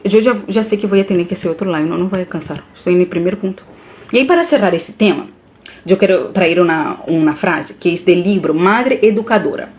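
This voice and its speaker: On a live stream, a woman talks animatedly and earnestly, mixing Portuguese and Spanish as she goes. At times she becomes emotional, moved by her own words. Her voice sits at an ordinary middle pitch.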